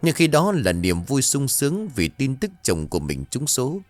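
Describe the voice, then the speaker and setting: Expressive male ghost-story narrator. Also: medium pitch, moderate pace, dry recording. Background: faint music.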